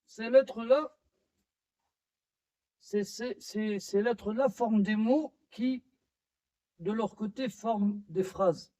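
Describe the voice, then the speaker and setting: A man teaching a basic French lesson, explaining step by step with frequent pauses, restarts and fillers. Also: sits high, dark tone, rough recording. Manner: slow, halting delivery with pauses and fillers. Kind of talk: slow classroom-style lesson.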